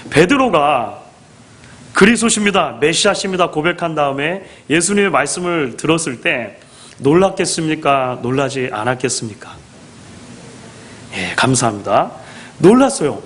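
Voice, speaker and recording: A male pastor delivers a sermon in an animated way. He acts out quoted speech and puts rhetorical questions to the congregation. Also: on the high side, moderate pace.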